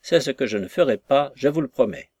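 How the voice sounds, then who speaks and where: A man's voice: medium pitch, lively intonation, brisk, a little mellow, no echo, studio quality, lightly acted. A man reading a blunt stubborn country squire. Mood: grudging.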